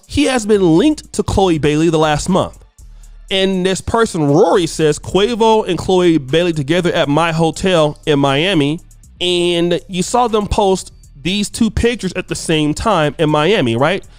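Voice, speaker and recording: A man's voice: high-pitched, dry recording. A man giving opinionated celebrity gossip commentary in a smug, sarcastic way, punctuated with rhetorical questions. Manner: often adds tag questions like right and okay. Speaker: online commentary host.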